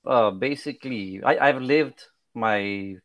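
On a podcast, a soft-spoken, modest South Texas man in his thirties who is running for office speaks with a Spanish accent, his native language being Spanish. He takes it slowly in a mid-range voice, hesitating with lots of fillers and restarts. The recording is dry, with the highs cut off.

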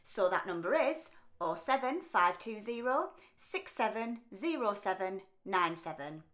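A woman's voice: medium pitch, very animated, unhurried, a bit bright. A woman chatting casually as a podcast host, in a breezy, jokey way.

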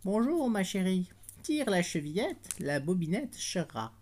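A woman's voice: medium pitch, sing-song, measured pace, darkish tone. A woman voicing a sly, hungry male wolf in a bedtime storybook reading. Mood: sweet.

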